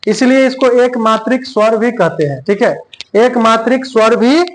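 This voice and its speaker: A male teacher giving a grammar lesson, dictating slowly and repeating phrases word by word. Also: very high voice, slight background noise.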